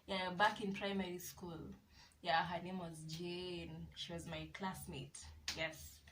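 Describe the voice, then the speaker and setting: A woman's voice: lowish voice, little pitch movement, slow pace, far from the mic, background noise. Chatty Kenyan woman in her twenties. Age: 20s. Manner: chatty, repeats herself with many yeses. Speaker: vlogger. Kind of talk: casual chat to camera.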